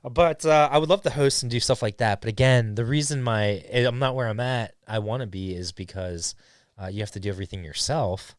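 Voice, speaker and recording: A man hosting his own podcast in casual chat, rambling and laid-back with many restarts, sounding high. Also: a little fast, no room sound, studio quality. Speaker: podcast host. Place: studio.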